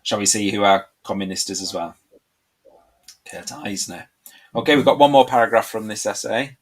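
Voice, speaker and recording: Low, slightly husky man tutoring casually. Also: steady tone, moderate pace. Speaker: history tutor co-hosting. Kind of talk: casual live quiz tutoring.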